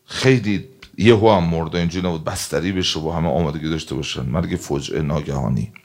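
A man preaching a sermon, telling stories and reciting religious texts in Arabic, moving between loud emphatic passages and hushed ones. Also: extremely low pitch. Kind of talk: emotional sermon with storytelling.

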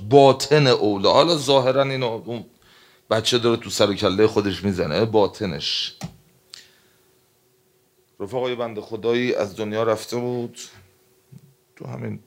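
A male preacher with a low voice full of gravel and creak. He tells stories and recites religious texts in Arabic. His delivery swings from loud emphatic outbursts to hushed, quiet passages. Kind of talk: emotional sermon with storytelling.

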